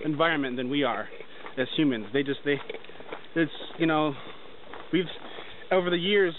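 A young man with a slightly high voice speaks at a normal pace while hiking through a forest and filming his trip. His walking narration is loose and rambling. Captured on a handheld camera at arm's length, the audio is tinny, lo-fi, and faintly noisy.

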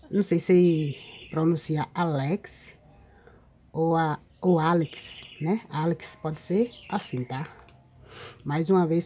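A woman's voice: sits low, dark tone. A woman with a Brazilian Portuguese accent, chatting casually to viewers while showing crafts, recorded outdoors in a windy spot. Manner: chatty, addresses viewers often with tag questions. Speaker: paper craft video maker. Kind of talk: casual show-and-tell vlog.

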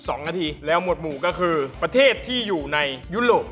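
A man with a high voice hosts a quiz game. He reads out questions and rulings in a casual, polite announcing style. Music plays clearly behind him. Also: lively intonation, fairly quick, fairly bright tone. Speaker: game show host and referee.

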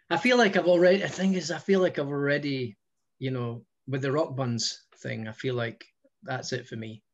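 A man's voice: medium pitch, fairly even intonation, moderate pace, highs cut off. A Scottish man, a guest musician, chatting in a rambling, self-mocking way with lots of restarts. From Scotland. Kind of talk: casual chat.

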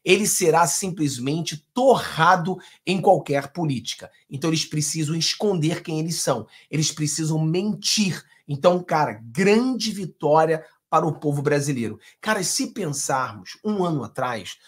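A man's voice: a little high, lively intonation, normal speed, few pauses. A man from Brazil giving combative, sarcastic political commentary over video clips.

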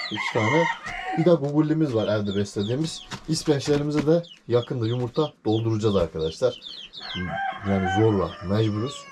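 A man filming his poultry on a head-mounted camera outdoors at a coop, chatting casually to viewers and cooing at his dog and chicks. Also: mid-range voice. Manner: affectionate baby talk to his dog and chicks. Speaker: poultry keeper vlogger. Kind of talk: casual chat with viewers and animals. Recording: loud farmyard noise behind the voice. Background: loud chickens and roosters.

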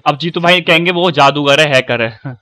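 High-voiced excitable young male streamer. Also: moderate pace. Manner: excitable, shouting and repeating himself. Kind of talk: live gameplay chatter with friends.

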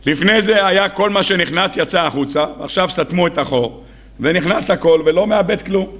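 A rabbi giving a sermon, telling a story in an animated way and acting out its dialogue. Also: male voice, high-pitched.

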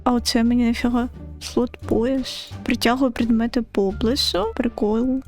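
A woman's voice: a little high, flat delivery, normal speed, soft background music. A young woman streaming a game, chatting casually and squealing and laughing when she gets scared. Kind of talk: casual gaming commentary.

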